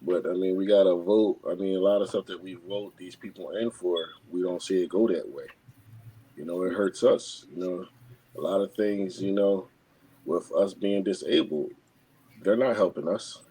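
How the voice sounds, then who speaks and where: A man talking as a guest in a casual podcast discussion, halting and often repeating words. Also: deep voice, mellow, slight background noise, low-quality recording.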